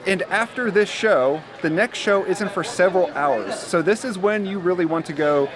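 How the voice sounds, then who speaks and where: A man's voice: sits high, moderate pace, a crowd in the background. A man hosting a festival guide video, explaining things casually to viewers. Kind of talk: casual explanatory talk to camera. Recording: noisy outdoor urban ambience.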